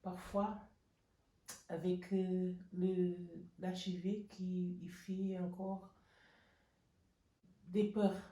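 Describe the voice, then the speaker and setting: A woman giving a hesitant anonymous testimony, her voice pitch-shifted deeper to hide who she is. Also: level tone, warm tone, roomy sound, distant mic, low-quality recording. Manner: halting, hesitant, with many restarts and fillers. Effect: voice pitch-shifted deeper to disguise it. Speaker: anonymous interviewee. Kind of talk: personal testimony.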